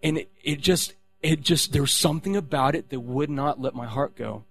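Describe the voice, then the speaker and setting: A man's voice: fairly high pitch, moderate pace, vocal fry, a bit bright, soft background music. Rambling man telling a faith story. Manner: rambling, with many restarts and fillers. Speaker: speaker sharing a testimony. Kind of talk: personal faith testimony.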